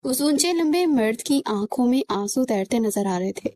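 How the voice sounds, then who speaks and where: A woman narrating a romantic novel in an emotive, expressive reading. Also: on the high side, no room sound.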